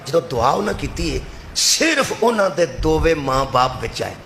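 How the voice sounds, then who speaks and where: A male preacher with a Punjabi accent giving a majlis sermon over a loudspeaker, swinging between fervent shouting and low confiding asides, often putting questions to the crowd. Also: big pitch swings, reverberant. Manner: addresses the crowd directly with rhetorical questions. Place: religious gathering with loudspeaker. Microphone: loudspeaker microphone.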